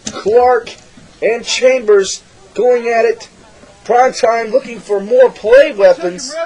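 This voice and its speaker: High-voiced excitable wrestling commentator, man. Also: slow, poor audio. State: losing his voice. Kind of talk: play-by-play commentary of a backyard wrestling match.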